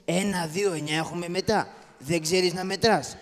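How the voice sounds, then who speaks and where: A man voicing a scrappy, poor comic father in a live shadow-puppet show, bossy and teasing as he scolds his children. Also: sits high. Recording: echoey hall, live show.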